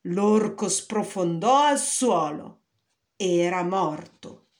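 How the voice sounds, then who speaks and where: A woman's voice: lowish voice, lively intonation, drawn-out words. A woman narrating a fairy tale in a storybook reading, with careful storytelling.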